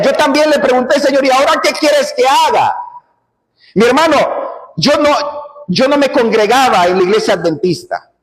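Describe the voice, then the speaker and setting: A male preacher delivers a sermon in a high, very lively voice that climbs and drops. He presses his points by repeating phrases and at times breaks into shouts. The sound carries a long reverb, as from a large hall.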